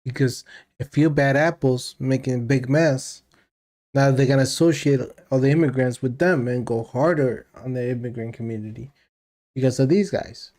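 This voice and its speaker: A man's voice: medium pitch, normal speed, a little mellow. Blunt, ranting man hosting a stream. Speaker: livestream host reacting to news clips. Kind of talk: casual reaction commentary.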